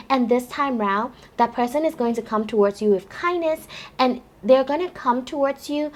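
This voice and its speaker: A bubbly young woman giving a chatty pick-a-card tarot reading, laughing often. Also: on the high side. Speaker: tarot reader.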